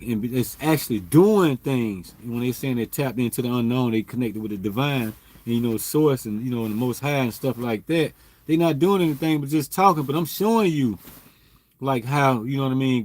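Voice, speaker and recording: A man's voice: mid-range voice, a little mellow. A man, rambling through a casual livestream chat with lots of fillers. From Southern US. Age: 40s. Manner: rambling, heavy on fillers and "you know what I'm saying". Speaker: livestream host.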